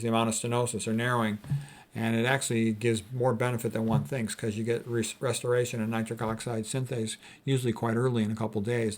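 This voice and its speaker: In a mid-range voice, this man, a health educator, reads quotations aloud and then remarks on them in an informal way. His manner is homespun and forceful, with the main statements said again for emphasis.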